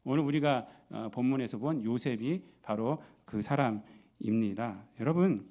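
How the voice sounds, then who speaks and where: A pastor with a mid-range voice preaches a sermon at a slightly slow pace. He tells Bible stories in a lively way, acting out the characters' voices and asking lots of rhetorical questions.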